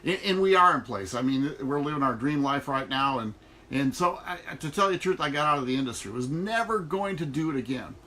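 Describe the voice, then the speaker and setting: Talking from inside an RV trailer where background noise is noticeable, a middle-aged man makes a folksy, motivational vlog about his online network marketing, casual yet emphatic. His fairly high voice is expressive, pushed, and bright, and he talks a little fast.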